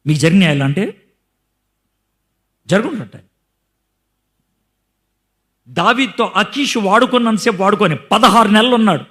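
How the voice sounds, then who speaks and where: A man preaching a sermon in an animated way, reading scripture aloud and acting out the voices of the people in his examples. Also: sits high, moderate pace, long pauses. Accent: Telugu-speaking South Indian. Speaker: pastor.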